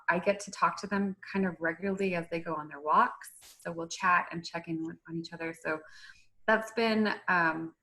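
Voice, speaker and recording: A woman guest on a video call, talking casually and a bit hesitantly, with ums and pauses. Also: fairly low pitch, pushed and bright, low-quality recording. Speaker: panel guest.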